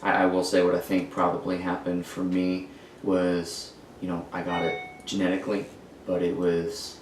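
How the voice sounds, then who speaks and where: A man in his twenties telling his personal story as a podcast guest, halting and searching for words, recorded far from the mic in an echoey room. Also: low voice, completely flat delivery, slight background noise. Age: 20s.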